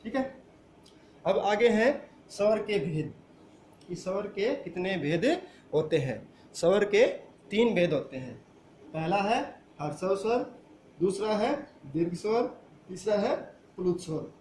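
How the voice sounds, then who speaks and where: High-voiced male teacher in an echoey room. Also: animated, unhurried, a little mellow, slight background noise. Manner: asks the class questions and answers them himself. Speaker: school teacher. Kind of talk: Hindi grammar lesson.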